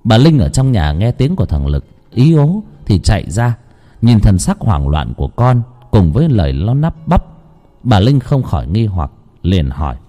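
Dark husky storyteller. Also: male voice, lowish voice, big pitch swings, normal speed. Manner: dramatic, suspenseful, wide-ranging delivery. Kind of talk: ghost story narration.

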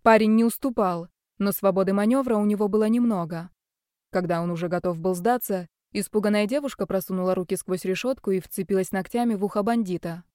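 A woman narrating an audiobook in a steady, expressive reading. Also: mid-range voice, brisk, no room sound, studio quality. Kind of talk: scripted narration.

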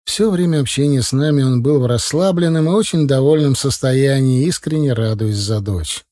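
A man narrating an audiobook in the first person with a calm, even delivery. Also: medium pitch, normal speed, dry recording, studio quality.

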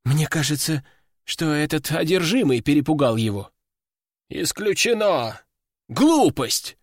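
A man's voice: sits high, big pitch swings, measured pace, fairly bright tone, dry recording, clean studio sound, heavily acted. A man voicing a stern, domineering old male sorcerer who leads his students, giving orders and threats. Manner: commanding and threatening. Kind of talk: audiobook character voice.

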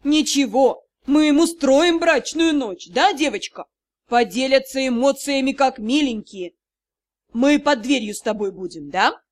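A woman voicing a brash, cheeky male dragon in an audiobook, loud, teasing and mock-innocent. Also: high voice, measured pace.

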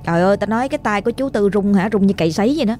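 A woman with a Southern Vietnamese accent, narrating a ghost story in an animated, exclamatory way. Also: medium pitch, very fast, soft background music.

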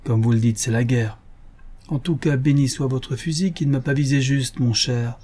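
Man reading as a young frontier scout, curt, commanding, husky, mellow, storybook adventure. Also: mid-range voice, normal speed, natural voice. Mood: stern. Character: Bill Cody, young frontier scout, brisk and stern.

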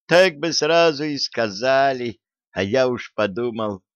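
A man's voice: medium pitch, animated, measured pace, clean tone, no echo, pitched above the performer's own voice, natural voice. A man voicing a panicky old male treasurer who wails and pleads. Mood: anxious. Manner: wailing, pleading. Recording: dull lo-fi dry recording.

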